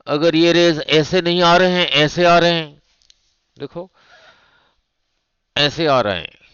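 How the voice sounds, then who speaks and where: A male physics teacher, lecturing slowly and repeating himself, often asking "right?" to check understanding. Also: on the high side, a bit bright, smooth, no echo, highs cut off. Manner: slow, repetitive, checks understanding with rhetorical "nahin?". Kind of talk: classroom lecture at a board.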